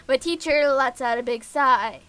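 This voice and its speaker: A female game streamer reads a visual novel aloud in a high voice that's pushed and bright, a little slow, and free of echo. Playful throughout, she scats nonsense syllables and mutters to herself along the way.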